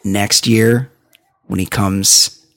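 A man hosting a casual comedic chat, rambling and halting as he repeats himself. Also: lowish voice, steady tone, fairly bright tone. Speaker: talk show host.

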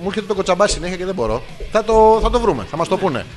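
A man's voice: high voice, big pitch swings, music in the background. A man co-hosting a podcast, telling stories and trading crude, teasing jokes in casual banter. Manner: joking, crude and teasing, rambling. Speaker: podcast co-host.

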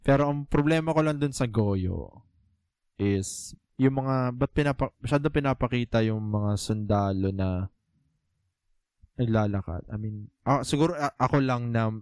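A man with a Filipino accent chatting casually about films, animated and full of rhetorical questions. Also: medium pitch, measured pace, clean tone, no echo, clean studio sound. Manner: animated, mixes English into speech, rhetorical questions. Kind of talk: casual chat.

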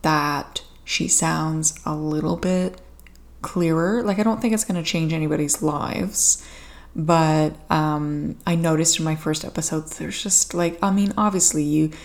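A young Canadian woman hosts a casual solo podcast. Her voice is a little low for a woman, with plenty of vocal fry, and she takes her time. She rambles informally and pokes fun at herself. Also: a little slow. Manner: rambling, informal, self-deprecating. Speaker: podcast host. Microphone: podcast microphone with pop filter.

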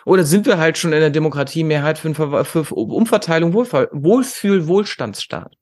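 A conference founder from Germany, interviewed on a podcast, voices emphatic opinions and asks rhetorical questions. His fairly high pitch comes with a darkish tone, and he talks animatedly at a fairly quick clip.

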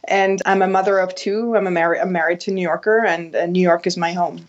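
A woman, a podcast guest telling her story in a relaxed, reflective way. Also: lowish voice, a little fast, muffled recording. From Switzerland. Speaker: guest, designer and entrepreneur. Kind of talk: casual interview.

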